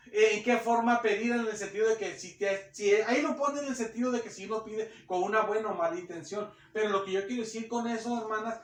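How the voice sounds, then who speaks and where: A man's voice: high voice, fairly bright tone. A man preaching a sermon in a conversational way, repeating phrases and acting out the voices of churchgoers. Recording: echoey room, distant mic.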